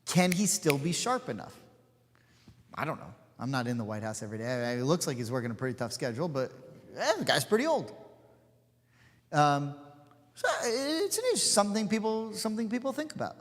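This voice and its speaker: With a fairly high, sing-song voice and a brisk pace, a man in his forties leads a relaxed study class as a rabbi. He rambles through plenty of side comments and fillers, and the synagogue hall around him carries a long reverb.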